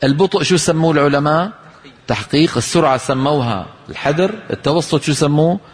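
A man's voice: fairly high pitch, brisk. A man teaching a tajweed lesson, explaining rules, quizzing his class and chanting short examples. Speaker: Quran recitation teacher. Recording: long hall reverb.

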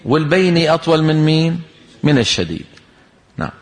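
A man's voice: on the high side, big pitch swings, brisk. A man teaching a tajweed lesson, explaining rules, quizzing his class and chanting short examples. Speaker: Quran recitation teacher. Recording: long hall reverb.

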